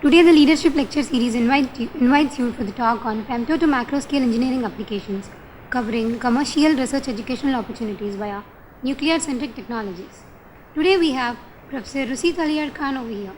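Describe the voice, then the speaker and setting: A woman's voice: high-pitched, fast, a little mellow, slight background noise, rough recording. A woman with an Indian accent formally reads out a scripted introduction as an event presenter.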